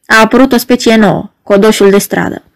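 A woman reads an audiobook in a fairly high voice with mostly even intonation, acting only lightly. She voices a proud, troubled married woman whose speech is urgent, pleading and agitated.

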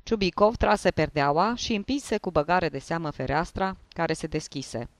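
Un bărbat care citește cu voce tare o povestire, în ritm măsurat, coborând glasul la finalul frazelor. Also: male voice, a little high, dry recording. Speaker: narrator. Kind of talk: reading a story aloud.

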